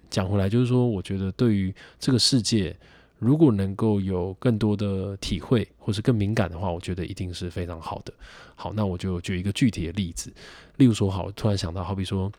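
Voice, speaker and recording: A man's voice: deep voice, darkish tone, dry recording. A young man with a Taiwanese Mandarin accent hosting a solo podcast, reflective and rambling with many fillers. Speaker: podcast host. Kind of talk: casual solo podcast talk.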